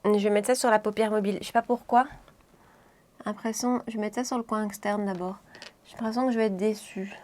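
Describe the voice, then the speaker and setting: A woman's voice: medium pitch, fairly even intonation, brisk, darkish tone. A woman chatting casually through a makeup tutorial, rambling and often correcting herself mid-sentence. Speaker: beauty vlogger.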